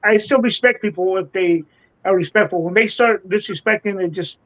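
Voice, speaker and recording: A man speaks earnestly on a live video-call panel, stumbling and repeating words as he makes his point. His voice sits fairly high. The audio is dull and lo-fi. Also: fairly quick. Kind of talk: casual panel chat.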